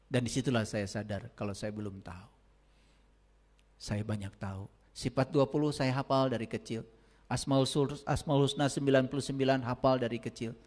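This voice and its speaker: A male spiritual teacher giving a sermon, telling stories and moving from quiet asides to loud, emphatic points. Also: mid-range voice. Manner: storytelling, swings from quiet asides to emphatic raised lines. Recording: long reverb, speaker set back from the mic.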